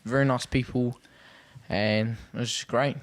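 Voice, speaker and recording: A man's voice: medium pitch, steady tone, measured pace, no room sound. A man with a broad Christchurch New Zealand accent, chatting casually and emphatically, often repeating short phrases. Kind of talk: casual chat.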